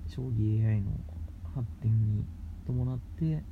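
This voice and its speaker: A man talking casually as a radio host, explaining things in halting, phrase-by-phrase steps. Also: on the low side, creaky. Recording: muffled lo-fi with faint background noise.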